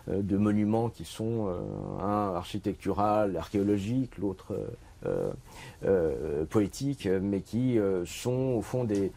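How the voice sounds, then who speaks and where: A man's voice: on the low side, expressive, a little slow, dark tone. A middle-aged man from Switzerland, an author presenting his book in a bookshop, talking with many fillers and restarts. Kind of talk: bookshop talk.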